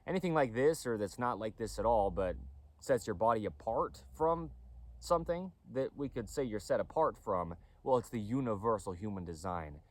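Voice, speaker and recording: A man's voice: fairly low pitch, animated, moderate pace. A man giving a casual lecture to camera on body mechanics, often stopping to ask "okay?". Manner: repetitive, keeps asking "okay?". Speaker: clothing company owner explaining anatomy.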